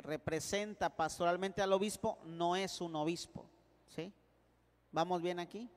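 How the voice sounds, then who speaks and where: A priest teaching a class in a playful manner, checking again and again that his students follow him. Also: high-pitched. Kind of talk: classroom lecture. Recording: echoey hall.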